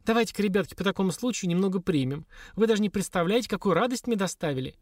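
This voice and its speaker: A man's voice: high voice, animated, very fast, no room sound, studio quality, pitched above the performer's own voice. A man voicing a tipsy, pleading older hostess who fusses over her guests. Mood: overjoyed. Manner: imploring, fussy.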